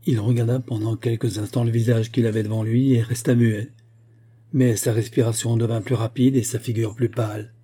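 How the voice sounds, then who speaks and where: A man narrating a classic novel as an audiobook reader, in a measured, even storytelling manner. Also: mid-range voice, slightly rough.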